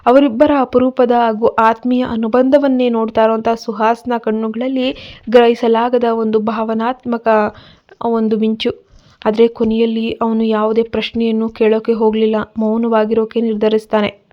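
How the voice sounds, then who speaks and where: A woman narrating a dramatic story in a steady, earnest reading. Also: a little high, normal speed, lo-fi sound.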